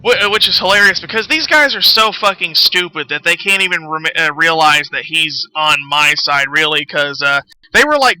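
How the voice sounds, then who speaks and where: A young man with a Southern US accent tells a rambling story in a high, very bright voice. He swears freely, drifts off topic and has to find his way back. The tone is casual and chatty. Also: a little hiss or hum, low-quality recording. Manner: rambling, profane, loses his thread. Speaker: streamer. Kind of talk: casual storytelling while gaming.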